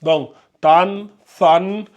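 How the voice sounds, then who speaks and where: A man's voice: high-pitched, fairly even intonation, very slow, dull audio. Man drilling Arabic letter sounds. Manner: drills sounds aloud, stressing letter names; addresses viewers directly, frequent checks. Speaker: Arabic teacher. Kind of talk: whiteboard lesson.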